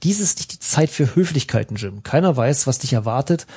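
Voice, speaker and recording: A man's voice: medium pitch, lively intonation, brisk, warm tone, breathy edge. A man voicing a grown male village blacksmith in a text adventure, speaking earnestly and firmly.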